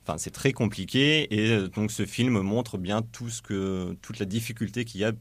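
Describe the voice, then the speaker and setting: A man reporting on a radio show in a studio, explaining his subject earnestly while pausing to search for words. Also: on the low side, no echo.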